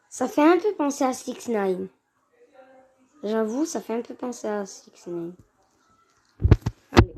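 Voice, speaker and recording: A woman doing casual gameplay commentary, excitable and quick to gripe and exclaim at the game. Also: medium pitch. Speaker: gaming video creator. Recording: noisy home recording with clicks.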